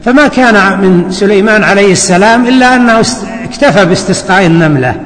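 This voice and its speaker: A man teaching a hadith lesson as a scholar, deliberate and repeating key words for his students. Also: high voice, fairly bright tone. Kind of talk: classroom commentary lecture. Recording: long hall reverb.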